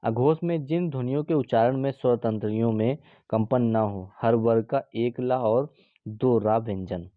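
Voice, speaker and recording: A man teaches a grammar lesson for exam preparation, pausing often to sound out letters slowly. His voice sits at an ordinary pitch, recorded close and dry with slightly muffled, lo-fi audio. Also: dry recording. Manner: explains step by step, sounding out each letter slowly; drawn-out demonstration sounds with frequent fillers. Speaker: Hindi teacher.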